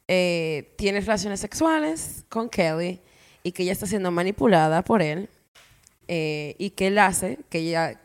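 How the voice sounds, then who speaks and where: A woman with a Dominican Spanish accent telling stories casually as a podcast co-host, using slang and slipping in English phrases. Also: fairly low pitch. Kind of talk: casual conversational storytelling.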